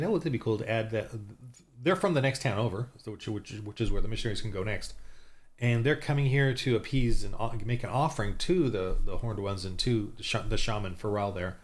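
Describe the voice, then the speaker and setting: A man acting as game master, talking casually through his tabletop game prep, rambling with lots of restarts and fillers. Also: medium pitch.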